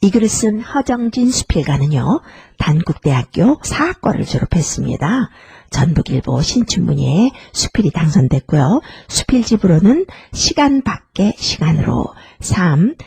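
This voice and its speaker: A middle-aged woman hosts a literary podcast and talks gently and earnestly about an essay. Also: big pitch swings, moderate pace, dry recording. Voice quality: breathy, husky, with some vocal fry. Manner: gentle, earnest, lets the pitch rise and fall widely. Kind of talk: reflective talk on an essay.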